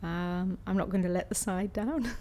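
A woman's voice: lowish voice, fairly even intonation, normal speed, warm tone. A woman, answering interview questions conversationally and somewhat hesitantly. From Swansea, South Wales. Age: 60s. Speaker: interviewee, art student and practising artist.

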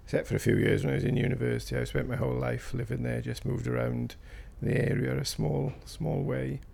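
A man in his fifties with a South Wales Valleys accent answers questions in a recorded interview, rambling hesitantly with fillers and restarts. His medium-pitched voice is steady, brisk, dark and slightly rough, with vocal fry.

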